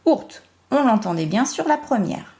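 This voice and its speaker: Slow, lively-voiced woman teaching phonics. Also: on the high side. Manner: slow, deliberate, spells out syllables and sounds. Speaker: primary school teacher. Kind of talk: remote phonics lesson for young children.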